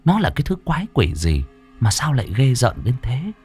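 A man's voice: medium pitch, brisk, slightly rough, faint music behind. A man narrating a horror folk tale in a dramatic storytelling style. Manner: animated, swooping delivery. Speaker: audiobook narrator.

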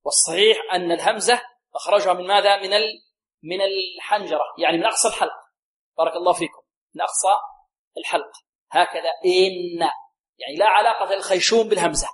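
A man teaching Quran recitation rules, often asking a question and answering it himself, and slowly repeating words to show how to say them. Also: high voice, a bit bright. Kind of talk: tajweed lesson with call-and-response questions.

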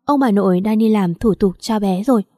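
Woman doing a soft caring big sister, soothing, mellow dry voice. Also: mid-range voice, fairly quick, no echo, close to an everyday voice. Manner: gentle, comforting.

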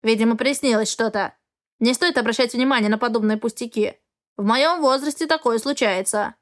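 A woman's voice: a little high, fairly quick, close to an everyday voice. A woman voicing a senile, grumpy old male raven in a storybook reading, indignant and scolding. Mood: grumbling.

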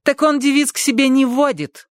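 A man putting on a shrill scolding housekeeper. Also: fairly even intonation, normal speed, no echo, studio quality. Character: shrill, scolding middle-aged housekeeper woman.

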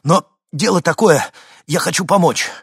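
A man voicing a frantic middle-aged helicopter pilot, shouting warnings hoarsely and out of breath. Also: on the high side, unhurried, dry recording, clean studio sound, voice pushed up, exaggerated voice. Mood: desperate shouting.

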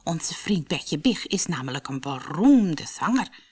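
A cheeky know-it-all male rabbit in a storybook, teasing and smug, as a woman reader puts him on. His pitch bounces lively from high to low. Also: unhurried, slightly rough, full character voice.

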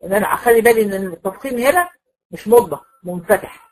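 A woman's voice: medium pitch, racing, darkish tone, low-quality recording. Egyptian woman teaching a class. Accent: Egyptian Arabic. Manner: explanatory, asks the class questions and demonstrates sounds. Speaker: Quran recitation teacher. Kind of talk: classroom lecture.

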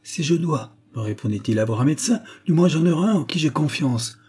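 A fevered, bossy detective, weak and short of breath but snapping out commands in a lifted, husky voice, as a male audiobook reader plays him. The tone stays soft and mellow while the manner stays curt and domineering. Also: a little high, animated, brisk, voice pushed up. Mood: cold. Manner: commanding, sharp, abrupt outbursts. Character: gravely ill feverish male detective, imperious. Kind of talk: audiobook reading.

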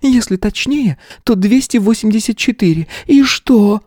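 A man's voice: unhurried, darkish tone, dry recording, studio quality. A man voicing a grieving, furious older wife who shrieks and spits insults at her husband. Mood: venomous. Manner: shrill, hysterical, spiteful.

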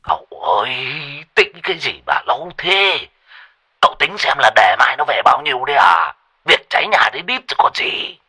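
A man voicing a boastful, impatient older male exorcist who shouts in a panic. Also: mid-range voice, very animated, normal speed, husky, pitched above the performer's own voice, full character voice. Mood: frantic. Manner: frantic shouting, some lines from farther off.

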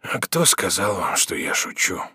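A worn-out old prisoner near death, voiced by a man reading a novel aloud, speaks in a slow, sighing murmur. The voice drops low and quiet, with a dry close studio sound. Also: husky, no room sound. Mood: resigned. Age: 60s. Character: dying old male prisoner, weary and resigned. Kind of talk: audiobook character reading.

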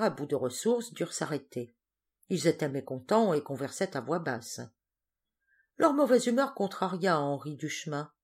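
A woman reads a novel aloud in a careful literary narration. Her voice sits on the low side, but her intonation rises and falls freely, giving the prose a lively, expressive shape. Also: breathy edge. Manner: expressive, melodic reading. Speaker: audiobook reader.

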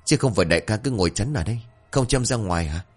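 A man voicing a jumpy young burglar who talks in hurried, anxious half-whispers. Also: on the low side, animated, husky, faint music behind. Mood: panicky. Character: jumpy young male burglar, panicky sidekick.

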